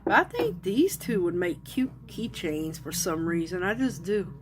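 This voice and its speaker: A woman talks slowly and easily in a casual crafting vlog. She chats and thinks aloud as she measures and shows her pieces at an indoor craft table. A faint hum of room noise sits behind her voice. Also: on the low side, big pitch swings. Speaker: resin crafter and channel host. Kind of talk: casual show-and-tell vlog.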